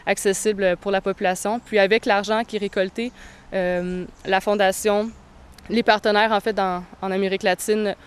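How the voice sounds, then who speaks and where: A young woman, answering interview questions thoughtfully, with frequent pauses. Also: medium pitch, steady tone, smooth. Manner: thoughtful, hesitant, many pauses. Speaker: touring cyclist interviewee.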